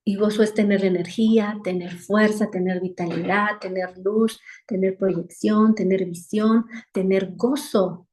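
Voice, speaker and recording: Woman Bible teacher on a video call, earnest and repetitive, mid-pitched voice. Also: steady tone, a little slow, few pauses, darkish tone. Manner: earnest, repeats phrases for emphasis. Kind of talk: weekly online Bible lesson.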